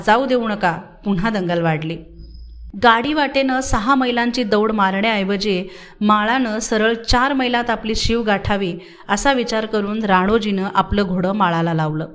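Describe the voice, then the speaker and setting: A woman narrating a novel as an audiobook, with steady, expressive storytelling. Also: medium pitch. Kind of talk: dramatic novel reading.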